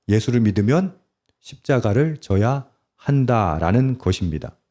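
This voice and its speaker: Mellow-voiced male pastor preaching. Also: mid-range voice. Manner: asks the congregation frequent rhetorical questions; repeats key words in short emphatic phrases. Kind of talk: sermon.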